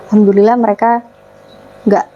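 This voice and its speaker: Woman telling her story in a mellow voice. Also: mid-range voice, normal speed, dull audio, a little hiss or hum. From Papua, Indonesia. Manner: relaxed, acts out family dialogue in quotes. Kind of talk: casual interview storytelling.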